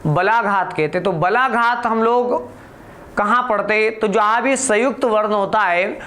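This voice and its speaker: A man with a high-sitting, pushed and bright voice delivers a deliberate, slow-paced grammar lesson for exam candidates, posing questions to the class and supplying the answers himself.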